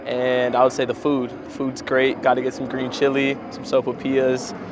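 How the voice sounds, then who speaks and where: A man's voice: mid-range voice, completely flat delivery, moderate pace, noisy background. A young man from New Mexico giving casual, matter-of-fact answers as a college football player in an interview. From New Mexico, United States. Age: young adult. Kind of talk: post-practice media interview answers.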